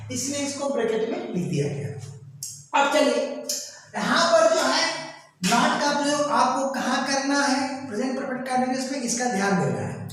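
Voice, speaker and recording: A man teaching English grammar in Hindi at a board, talking loudly and emphatically, with sharp scolding asides. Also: very high-pitched, a little hiss or hum. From North India. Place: classroom with a board. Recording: echoey room, far from the mic, faint ambience.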